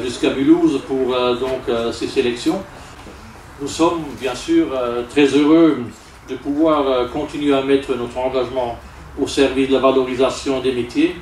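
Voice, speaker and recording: A man delivers a formal ceremony speech at a stand microphone, halting and full of hesitations. It is captured from a distance, so the voice sounds roomy and far off. A faint hum of noise sits underneath. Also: medium pitch, steady tone. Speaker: awards ceremony speaker. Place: event tent with PA speakers. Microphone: stand mic, filmed from afar. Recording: echoey, distant camera audio.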